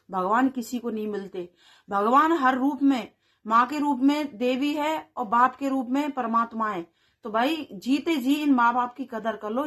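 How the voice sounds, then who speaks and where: Woman vlogger, preachy and insistent, higher-pitched; earnest advice to camera. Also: a bit bright. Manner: earnest, preachy, repeats phrases for emphasis. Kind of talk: moral advice talk to camera.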